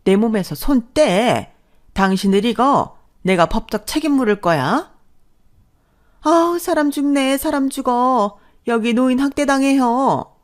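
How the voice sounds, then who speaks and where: A woman's voice: sits high, steady tone, measured pace, few pauses, pitched above the performer's own voice. Voice actress doing a bossy older mother-in-law, scolding and contemptuous, radio drama. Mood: shrieking. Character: domineering older mother-in-law, scornful and shrill.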